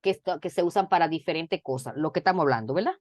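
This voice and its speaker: A woman from the Dominican Republic teaching a grammar lesson over a video call, talking deliberately and repeating her phrases. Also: deep voice, darkish tone, dry recording, studio quality.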